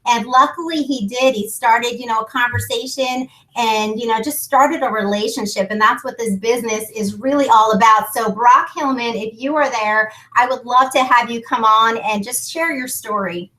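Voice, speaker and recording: A woman hosts a business conference call and presents a product, delivering a lively, casual sales talk that leans on testimonials. She speaks a little high at a moderate pace, barely pausing, with a sharp tone, captured in low-quality audio.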